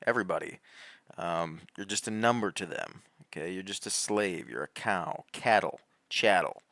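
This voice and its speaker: A man's voice: deep voice, expressive, moderate pace, vocal fry, no room sound. Laughing, heated male commentator. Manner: laughs often, restarts, swings loud and soft. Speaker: commentary host. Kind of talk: animated conspiracy commentary.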